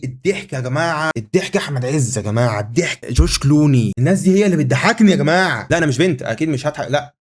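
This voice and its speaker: A young man with an Egyptian Arabic accent, rambling through a self-mocking comic monologue to the camera, leaping between high and low pitches and trailing off into restarts. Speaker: comedy YouTuber.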